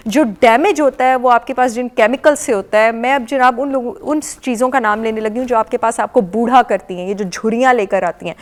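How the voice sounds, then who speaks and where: A woman's voice: on the high side, fairly quick, few pauses. Emphatic Pakistani woman explaining nutrition. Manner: lecturing, emphatic repetition, mixes English phrases. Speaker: nutrition expert guest. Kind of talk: explanatory talk-show chat. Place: television studio.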